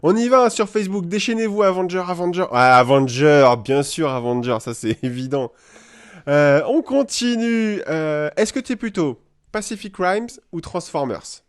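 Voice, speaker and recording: Brief: French male host of a live chat, playful, chatty, a touch higher voice. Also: normal speed. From France. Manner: lively, playful, laughs often. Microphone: live video call.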